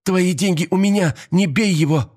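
A man's voice: fairly low pitch, moderate pace, creaky, mellow, slightly rough, heavily acted. A man doing a frightened young woman pleading. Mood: desperate.

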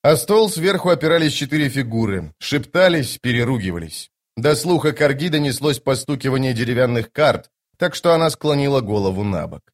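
A man narrating an audiobook in a measured, even reading. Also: mid-range voice. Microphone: home recording.

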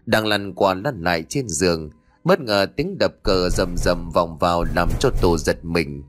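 A man's voice: low voice, animated, a little slow, a bit bright, soft background music. A man reading a village horror story aloud as an audiobook narrator, telling it with expression.

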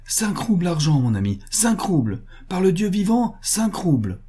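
A man's voice: mid-range voice, lively intonation, moderate pace, mellow, pitched above the performer's own voice, natural voice. A man reading a story aloud, voicing a desperate older village butcher who pleads in an anguished, raised voice. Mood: anguished pleading.

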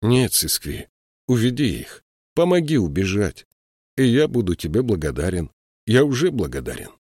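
A stubborn little male troll, voiced by a male narrator in an audiobook, calm, firm and wry. The voice sits a little raised and moves a lot, recorded close and dry. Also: lowish voice, normal speed, breathy edge, dry recording, pitched above the performer's own voice. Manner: calm, firm, quietly resolute.

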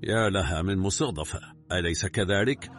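A man voicing a calm young man who speaks low and measured. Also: faint music behind.

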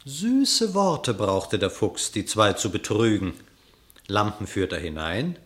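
Narrating a verse tale for a radio play, a man with a lowish voice uses a measured, expressive, dramatic storytelling style.

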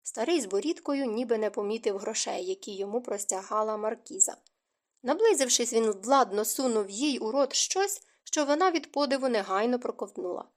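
A woman narrating a historical novel in a calm, measured audiobook reading. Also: on the high side. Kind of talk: scripted narration.

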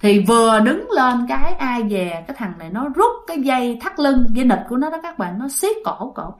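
A woman's voice: a little high, big pitch swings, brisk. A woman with a Southern Vietnamese accent telling a ghost story, chatty and dramatic, addressing her listeners directly. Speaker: storyteller host.

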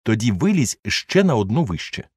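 A man voicing an excitable eccentric gentleman who gives urgent commands, for an audiobook. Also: medium pitch, normal speed, slightly rough, no room sound, clean studio sound, voice pushed up.

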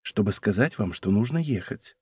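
A man voicing a cunning bishop who speaks in a soft, low, urgent whisper. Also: animated, normal speed, slightly rough, no room sound, studio quality. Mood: urgent hushed. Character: hushed cunning male bishop, commanding.

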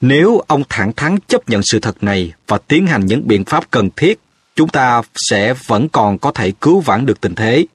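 Man doing a firm, husky old wizard. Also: mid-range voice, very animated, normal speed, no echo. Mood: grave. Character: calm, commanding old male wizard headmaster.

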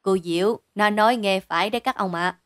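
A woman reading a gruff village hunter. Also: medium pitch, fairly quick, lightly acted. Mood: urgent.

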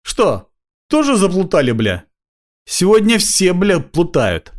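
A man voicing a crude, raspy male street bum who swears and drawls. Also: sits high, huge pitch swings, takes it slowly, voice pushed up, exaggerated voice. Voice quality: raspy, hoarse.

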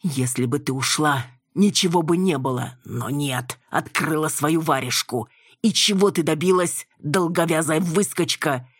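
A woman reader playing a brutal, shifty man posing as a doctor, gruff and snapping. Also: a bass voice, animated, dry recording, studio quality, exaggerated voice. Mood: menacing. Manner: gruff and snapping, then a slow menacing tirade.

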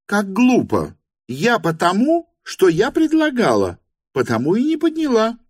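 A man's voice: wildly swooping pitch, measured pace, breathy edge, dry recording, studio quality, exaggerated voice. A man reading an audiobook, voicing a bossy, suspicious middle-aged hostess who insists and commands. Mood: indignant. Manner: commanding, shrill and indignant.

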